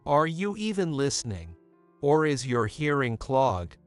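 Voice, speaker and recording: Pushy, incredulous cheating husband voiced by a man, animated and clear-voiced. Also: mid-range voice, unhurried, soft background music. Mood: mocking. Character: arrogant cheating husband, young adult man.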